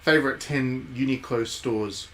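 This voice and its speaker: A man who streams games and used to be a journalist gives casual live commentary, dropping wry, playful asides and reading some on-screen text. His mid-range voice is fairly bright and a little slow. Background noise is clearly audible.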